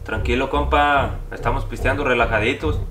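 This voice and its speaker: A man's voice: mid-range voice, fairly even intonation, moderate pace, natural voice. A young man with a Mexican accent playing a rowdy, slangy drinking buddy in an amateur comedy sketch. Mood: relaxed. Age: young adult. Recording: loud music behind the voice.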